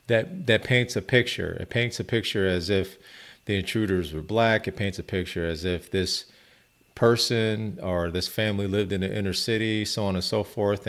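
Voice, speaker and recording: Guy doing casual commentary, kinda low and gravelly, just talking it through. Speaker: commentator debunking a viral post.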